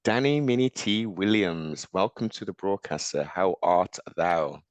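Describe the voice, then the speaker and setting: A sports show host with a low-sitting, unhurried voice leads a conversational interview, adding theatrical, formal flourishes and speaking encouragingly. There's no room sound on the recording.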